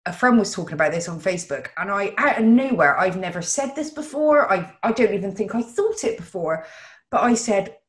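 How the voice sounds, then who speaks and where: A woman from Bristol with a West Country English accent, hosting a casual political discussion in an animated, emphatic, informal way. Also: medium pitch, fairly quick. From Bristol, England. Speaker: host. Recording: roomy, echoey video call.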